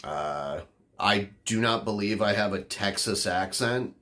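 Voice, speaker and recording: A man hosting a podcast, from the northern U.S., chats casually in reply to chat, meandering and stuffing in fillers. He has a fairly low, fairly bright voice and speaks a little slowly.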